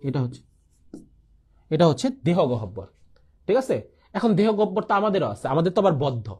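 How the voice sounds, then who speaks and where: A man's voice: fairly high pitch, darkish tone, husky. A young man with a Bangladeshi accent giving an exam-prep biology lesson, asking questions and answering them himself, repeating key points and coughing often. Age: young adult. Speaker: biology tutor. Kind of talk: online exam-prep lecture.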